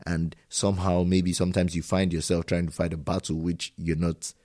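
A man's voice: deep voice, little pitch movement, normal speed, a little mellow. A man who immigrated to Germany hosting an interview and asking long, rambling questions with frequent restarts. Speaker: podcast host. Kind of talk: casual interview.

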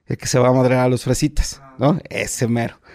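A man in his forties with a Mexican accent, an actor telling stories in a relaxed interview, full of fillers and repeats. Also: medium pitch, normal speed, no room sound. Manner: colloquial, many fillers and repeats. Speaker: actor guest. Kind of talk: casual interview storytelling.

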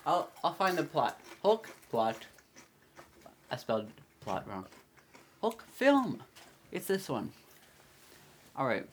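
A man's voice: fairly high pitch, very animated, takes it slowly, long pauses, slight background noise. A man in casual chat among friends, recapping a story in a rambling way full of fillers.

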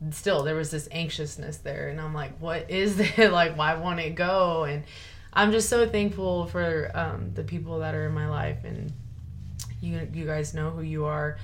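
A woman's voice: low-pitched, a little hiss or hum. A young woman, talking earnestly and rambling with many fillers and restarts in a casual chat. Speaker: guest sharing her story.

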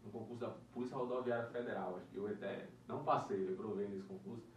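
On a podcast, a co-host with a fairly low voice talks at a quick pace, swapping casual exam-prep stories full of profanity and lively storytelling. The mic is distant in a roomy space, with some faint noise.

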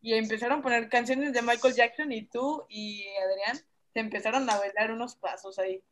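Young girl, kinda high voice, keeps going "remember?", faint noise behind. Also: steady tone, normal speed, fairly bright tone. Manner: eager, prompts memories with questions. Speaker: former classmate. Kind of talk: casual chat.

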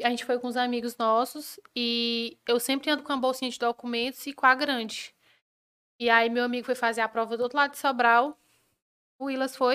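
Lively woman storyteller. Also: on the high side, clear, resonant tone. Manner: animated, acts out the dialogue of people in her story. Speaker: podcast guest. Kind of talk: personal storytelling in interview.

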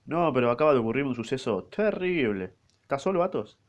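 A man's voice: mid-range voice, animated, brisk, lightly acted. A man with an Argentine accent voicing a brash, panicked young swordsman who swears casually. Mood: agitated. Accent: Argentine Rioplatense Spanish. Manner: swears casually, uses vos.

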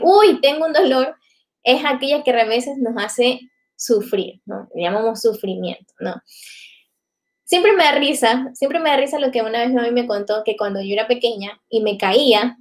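A woman giving a reflective live faith talk to viewers, often tagging her sentences with "¿no?". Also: sits high. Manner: reflective, many filler tags like "¿no?".

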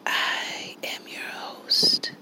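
A woman hosting a guided relaxation session in a slow, soft whisper, counting breaths and movements. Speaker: relaxation host.

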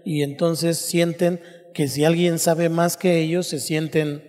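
A man's voice: on the high side, little pitch movement, a little slow, a little mellow, in a large hall, faint music behind. A male pastor teaching a sermon, explaining step by step and asking his listeners rhetorical questions.

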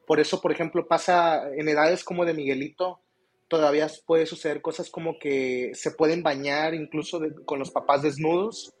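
A man's voice: a little high, steady tone, normal speed. A man, co-hosting a casual podcast. He explains child behavior and gives advice by walking through examples. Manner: explanatory, advising, builds hypothetical examples. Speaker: podcast co-host giving parenting advice.

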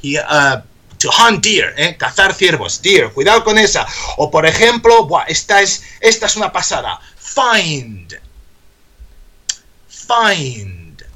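Man, radio host, jokey teacher, high voice, very bright tone. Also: very animated, normal speed. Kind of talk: live radio chat.

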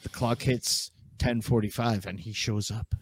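A man's voice: lowish voice, fairly even intonation, a little slow. A man co-hosting a podcast with casual anecdotes and banter, blunt and heavy on the swearing. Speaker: podcast co-host.

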